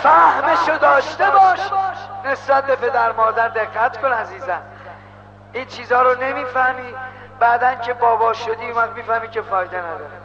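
High-voiced man preaching with fiery shouts. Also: noisy background. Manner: impassioned, bursts into shouting and chanting. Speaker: religious preacher. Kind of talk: dramatic sermon storytelling. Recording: dull lo-fi recording with music. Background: music.

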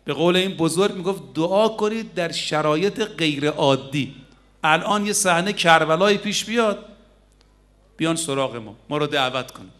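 High-voiced emphatic preacher. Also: male voice, fairly bright tone. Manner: emphatic, rhetorical questions, slows down for Quranic quotes. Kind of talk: religious sermon to a congregation.

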